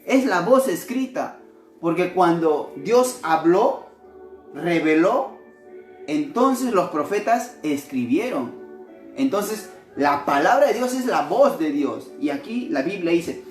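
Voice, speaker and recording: Animated male preacher, echoey room. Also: high voice, takes it slowly. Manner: animated, asks rhetorical questions. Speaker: missionary preacher. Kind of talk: devotional sermon. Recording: echoey room with faint music.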